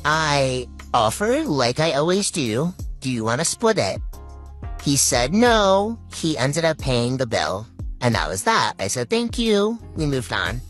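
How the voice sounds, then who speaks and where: Woman with a deep pitch-shifted voice. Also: very animated, faint music behind. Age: 30s. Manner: halting, with frequent "um" pauses. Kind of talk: casual storytelling to viewers.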